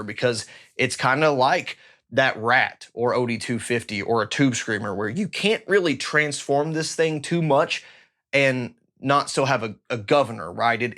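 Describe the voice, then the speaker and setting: A man's voice: medium pitch, a bit bright. A man hosting a casual technical talk about guitar effects circuits, chatty and enthusiastic with self-deprecating asides. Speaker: guitar pedal reviewer.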